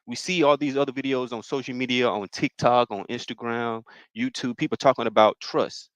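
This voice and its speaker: A man's voice: mid-range voice, fairly even intonation, a little fast, fairly bright tone, no echo, low-quality recording. A young man from Mississippi, presenting a live financial workshop in a casual, encouraging way and often repeating himself. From Mississippi, United States.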